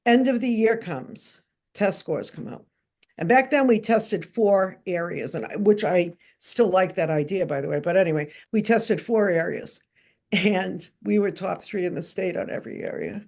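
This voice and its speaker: A woman's voice: on the low side, normal speed. An older woman from New Hampshire, a guest education consultant, telling stories in a podcast interview and acting out the voices she quotes. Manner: lively anecdotal storytelling, acting out quoted voices.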